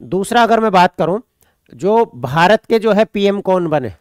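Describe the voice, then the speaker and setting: A man's voice: high voice, lively intonation, a little slow, clear, resonant tone, dry recording, clean studio sound. A man from India, teaching an online exam-prep class. He repeats points, dictates notes and answers students' questions.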